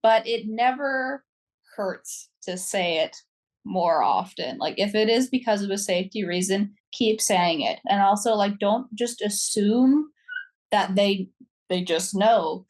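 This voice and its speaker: A woman's voice: medium pitch, unhurried, a little mellow. A young adult woman speaking as a guest on a podcast, chatty, often saying "like" and laughing lightly between phrases. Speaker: youth advisor guest. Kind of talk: casual podcast chat.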